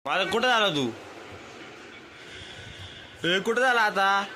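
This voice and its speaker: A man's voice: animated, takes it slowly, bright, forceful tone. Give me a coaxing man in a noisy home vlog. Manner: coaxing and teasing a child, low aside to viewers. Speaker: vlogger. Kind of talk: casual family vlog. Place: family home indoors.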